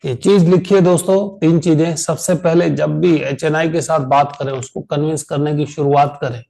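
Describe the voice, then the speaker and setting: Indian man, tired trainer on an online call, slow and emphatic, repeats phrases, fairly high voice. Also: fairly even intonation, vocal fry, warm tone, low-quality recording. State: tired after a long meeting. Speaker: insurance sales trainer.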